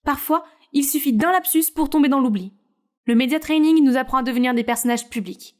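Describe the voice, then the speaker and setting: A woman narrating a story in a smooth, even storytelling manner. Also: sits high, a little fast.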